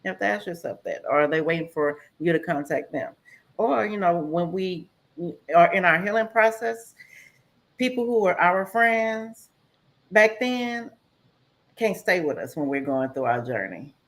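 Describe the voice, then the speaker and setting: A woman co-hosting a casual talk, giving gentle, reassuring advice. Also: on the low side, animated, a little slow. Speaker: podcast co-host. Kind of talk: supportive advice in casual chat.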